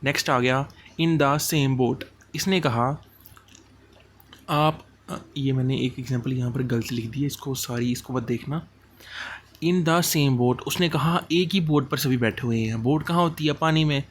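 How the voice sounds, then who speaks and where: A man gives a relaxed, chatty lecture on idioms for exams, switching between Hindi and English and explaining meanings with homely, everyday examples. He speaks at an ordinary mid pitch and slows down over the English phrases. A faint hiss sits beneath the recording.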